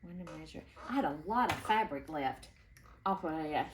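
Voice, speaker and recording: A woman's voice: low voice, animated, moderate pace, noisy background. Chatty woman teaching quilting. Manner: chatty, folksy, talks while working. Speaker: quilting video host. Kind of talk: casual sewing tutorial.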